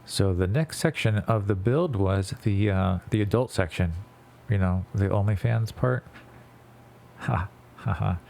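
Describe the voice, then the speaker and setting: Male tutorial narrator, gravelly and fairly low, nose plugged as if stuffed with gauze, easygoing conversational read. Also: normal speed, darkish tone. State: congested after nose surgery, can't breathe through nose. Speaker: video creator narrating a PC build. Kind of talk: casual tutorial voice-over.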